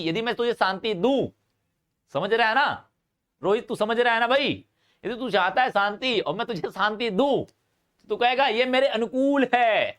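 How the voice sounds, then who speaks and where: A man with a Hindi accent teaching a live online chemistry class, talking fast, repeating each point and calling students brother. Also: sits high, a bit bright.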